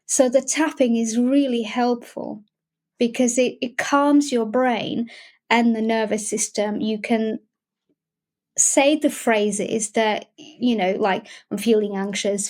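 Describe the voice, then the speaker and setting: A young adult woman with a Slovak accent talks in a relaxed interview. She pauses and restarts often, searching for words. Her voice sits a bit high. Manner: hesitant, many restarts and fillers. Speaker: guest, emotional wellbeing facilitator. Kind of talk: casual interview talk.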